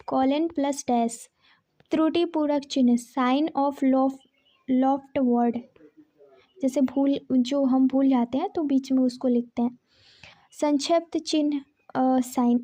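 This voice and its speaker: A woman with a high-pitched, mellow voice teaches an exam-prep grammar lesson. She reads out letters one at a time and stops to correct herself. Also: fairly even intonation, slow pace. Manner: reads lists of letters item by item, self-correcting.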